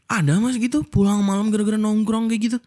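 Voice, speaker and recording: A man's voice: high voice, fairly even intonation, fast, a little mellow. A young Indonesian man in a whispered role-play as a husband, scolding his wife with hurt reproach.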